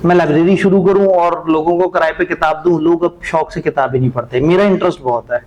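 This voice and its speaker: A man's voice: fairly high pitch, quick pace, darkish tone, slight background noise, poor audio. A man giving a classroom lecture, talking it through conversationally and posing questions he then answers himself. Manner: conversational, asks rhetorical questions and answers them.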